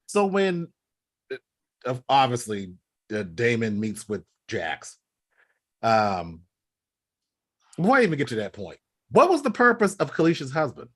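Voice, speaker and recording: A man's voice: medium pitch, wildly swooping pitch, measured pace, long pauses, fairly bright tone, breathy edge. A man co-hosting a podcast, recapping a TV episode in casual chat with rambling asides. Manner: rambling recaps, laughs often. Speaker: podcast co-host.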